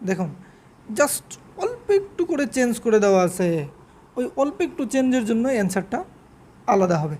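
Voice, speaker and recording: Mellow-voiced woman teaching spelling. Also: on the high side, sing-song. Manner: spells words out slowly letter by letter and repeats them. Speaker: English vocabulary teacher. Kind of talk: spelling quiz lesson.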